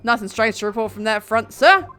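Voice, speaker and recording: A woman's voice: a little high, lively intonation, a little fast, bright, forceful tone, soft background music. A woman voicing an eager, drowsy male London police constable from a video game, earnest and dutiful. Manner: crisp reporting, ends phrases with "sir". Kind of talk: video game read-aloud voice acting.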